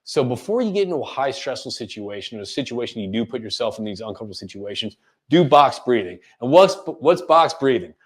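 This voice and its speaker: A man's voice: medium pitch, quick pace. A man hosting a live coaching webinar, talking casually and demonstrating different speaking tones, often checking in with listeners. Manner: animated, demonstrates vocal tones, asks listeners questions; casual filler-laden delivery with frequent "right?".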